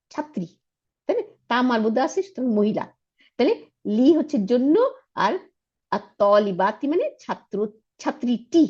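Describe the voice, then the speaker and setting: Bangladeshi accent woman teaching grammar, husky lively voice, keeps asking "right?", muffled lo-fi sound. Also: on the high side. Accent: Bangladeshi Bengali. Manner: asks rhetorical check questions, repeats terms slowly. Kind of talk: explanatory grammar lesson. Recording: dull lo-fi recording.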